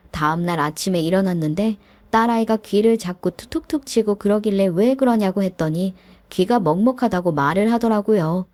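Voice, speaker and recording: A woman's voice: medium pitch, a little mellow, no room sound. A woman in her thirties narrating her own story in the first person, confiding and exasperated.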